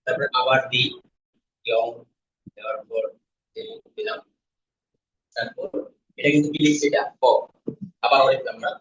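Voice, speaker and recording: A man's voice: mid-range voice, expressive, fairly bright tone. A male language teacher leading a class, explaining vowel shapes step by step, repeating each sound and quizzing his students. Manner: asks students questions, repeats sounds slowly. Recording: dull lo-fi classroom recording.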